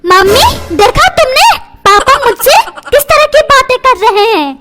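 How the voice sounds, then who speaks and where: A woman's voice: very high-pitched, big pitch swings, unhurried, heavily acted. A woman doing a cheeky cartoon schoolboy. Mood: whiny. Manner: cheeky, whiny, repeats words for effect. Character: cheeky young schoolboy son. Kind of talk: cartoon comedy voice acting. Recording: loud background noise.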